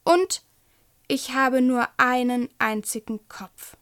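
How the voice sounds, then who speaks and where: A woman's voice: high voice, slow, a bit bright, smooth. Woman reading as small hissing dragon boy.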